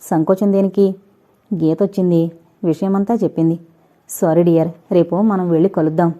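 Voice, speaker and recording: A woman's voice: on the low side, fairly even intonation, moderate pace, warm tone, natural voice. A woman voicing a playful, affectionate young husband in an audiobook. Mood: teasing. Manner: playful, teasing.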